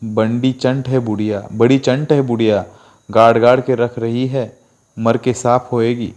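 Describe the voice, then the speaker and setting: A man reading the part of a housewife who grumbles in a low, glum voice. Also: little pitch movement, a little slow, a little mellow, lightly acted. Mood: grumbling. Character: worried housewife, grumbling about an old woman.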